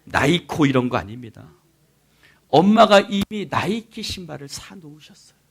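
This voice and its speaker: A middle-aged male pastor preaching a sermon, telling a story with sudden drops to whispers and rising shouts. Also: fairly high pitch, sing-song, moderate pace, creaky, slightly rough.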